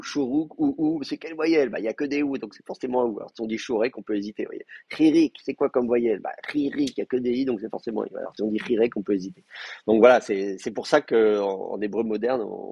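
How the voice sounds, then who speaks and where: A man teaching an advanced Hebrew class, explaining grammar with hesitant pauses, restarts and fillers. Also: on the low side, vocal fry, a little mellow, husky, no room sound. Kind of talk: classroom lecture. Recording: muffled, dry classroom recording.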